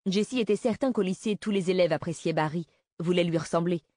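A woman narrating a novel in a steady, measured reading style. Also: fairly low pitch, no echo, clean studio sound. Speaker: audiobook narrator. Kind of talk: scripted narration.

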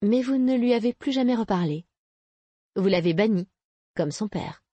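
A woman's voice: medium pitch, animated, moderate pace, mellow, dry recording, voice pushed up, natural voice. A woman voicing a blunt, skeptical woman investigator who asks dry, curt questions in an audiobook. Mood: pressing.

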